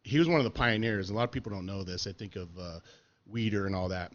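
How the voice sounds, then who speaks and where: A man's voice: on the low side, quick pace, muffled recording. Laid-back, profane man on a podcast. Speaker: podcast interviewee. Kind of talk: casual storytelling chat.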